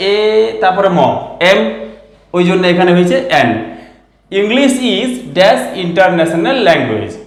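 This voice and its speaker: A man with a Bengali accent teaching a grammar lesson, dictating example sentences slowly and asking the class questions. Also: sits high. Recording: echoey room.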